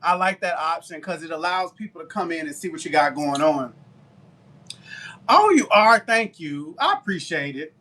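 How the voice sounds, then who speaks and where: Southern US man, high bright voice, talkative live-stream baker. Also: a little fast, hardly any pauses. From Alabama, US. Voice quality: talkative, warm down-home manner. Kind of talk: casual chat with live viewers.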